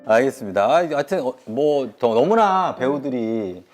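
A man's voice: medium pitch, sing-song, normal speed, darkish tone, faint music behind. A man hosting a casual movie talk show, often chiming in with reactions. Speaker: show host.

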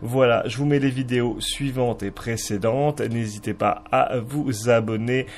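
A man's voice: mid-range voice, fairly even intonation, measured pace, a little hiss or hum. A man hosting a casual screen-recorded game tutorial, chatty and loose, with joking asides.

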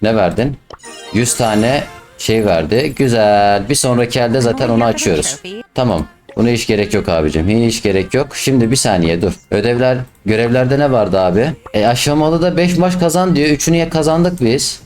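A young man giving casual commentary while playing a mobile game, quick to swear and snap at his teammates. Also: medium pitch, faint music behind. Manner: excitable, swears and snaps at teammates. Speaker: gaming YouTuber.

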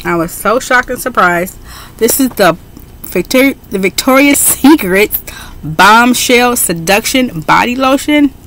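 A middle-aged woman talking casually on a home webcam in an excitable, chatty way, with frequent fillers. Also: fairly high pitch, unhurried, a little hiss or hum. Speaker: beauty vlogger. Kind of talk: casual haul video. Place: bedroom at home, indoors. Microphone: webcam at desk.

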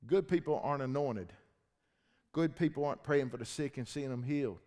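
A man preaching a sermon, swinging between loud shouting and low, intense talk. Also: brisk. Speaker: pastor. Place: church hall. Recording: long church reverb.

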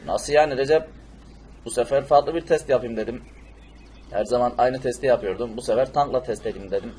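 A man's voice: mid-range voice, a little fast, a little mellow, husky, close to an everyday voice. A man playing a cheeky, stubborn superhero with a short temper in an amateur cartoon dub. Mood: insistent. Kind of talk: amateur cartoon-style game video dub.

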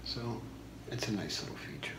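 A man in his thirties doing a whispered role-play as a shopping channel host, soft-spoken, with a slow, deliberate product pitch in a small room. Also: lively intonation. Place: small home room, indoors. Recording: echoey room with clear background noise.

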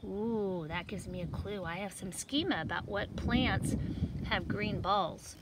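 A woman's voice: medium pitch, unhurried, heavy background noise. A woman reading aloud to young children like a kids-show host, sing-song and putting questions straight to her listeners. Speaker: teacher reading a picture book to young children.

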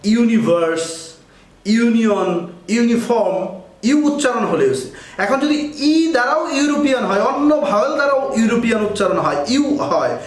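Man, high voice, echoey room, grammar teacher, step-by-step explaining. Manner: explains step by step, asks and answers his own questions.

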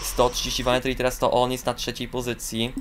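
Speaking quickly at a normal middle pitch, a man commentates on ski jumping in a video game. The long jumps set him off into high, excited shouting, and he trips over fillers and restarts along the way. Under his voice runs a faint hiss.

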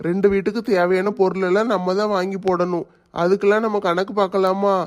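High flat-voiced man. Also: quick pace. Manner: kind, reassuring elder tone. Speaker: father-in-law in a family skit. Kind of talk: family comedy skit acting.

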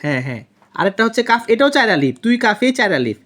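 A woman's voice: medium pitch, sing-song, fast, fairly bright tone. A woman teaching an online Quran lesson, patiently repeating each letter sound to demonstrate it.

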